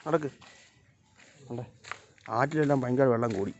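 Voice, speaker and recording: A man's voice: mid-range voice, steady tone, moderate pace, a little mellow, highs cut off, a little hiss or hum. A man filming a casual vlog outdoors beside flooded fields, chatting to the camera and calling his dog and cats to follow him. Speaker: vlogger. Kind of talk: casual vlog narration while walking outdoors.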